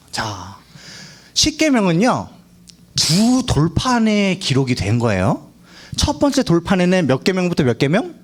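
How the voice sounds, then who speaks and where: A young man preaching to a teenage church group with a bouncy, animated voice that swings up and down. He keeps it playful, fires questions at the students and acts out little quoted lines. His voice sits a touch high for a man. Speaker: youth pastor. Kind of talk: lively youth sermon. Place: church hall.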